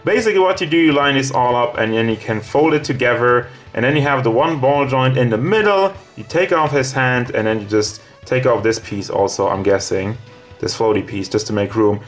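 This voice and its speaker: Brisk and medium-pitched, a man reviews a toy figure in a casual, rambling way, correcting himself as he goes. He sounds hot and out of breath, and faint music plays behind him.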